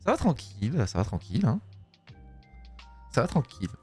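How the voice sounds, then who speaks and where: Hoarse streamer guy rambling away, lots of euh, swears at his software, voice all over the place. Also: mid-range voice, big pitch swings, moderate pace, soft background music. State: hoarse, voice worn out. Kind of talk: casual live-stream chat.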